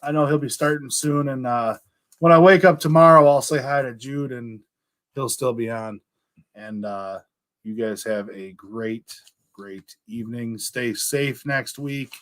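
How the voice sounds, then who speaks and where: A man's voice: medium pitch, a little slow, a bit bright. Man losing his voice, live-streaming. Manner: reads viewer comments aloud, with frequent ums. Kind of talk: casual live stream chat.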